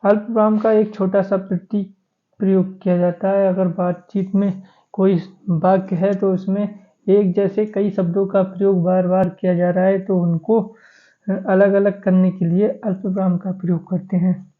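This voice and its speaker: Male grammar teacher, flat and slow, lists points by number, tinny phone-like recording. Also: high-pitched. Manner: steady, listing points by number. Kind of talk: exam-prep grammar lesson.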